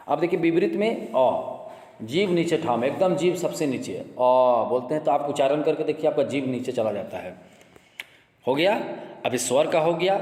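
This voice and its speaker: A man's voice: a little high, a little mellow. Man teaching grammar in an echoey room. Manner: repetitive, checks in with "ठीक है" and "देखिए". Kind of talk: exam-prep grammar lesson. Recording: echoey room with long reverb.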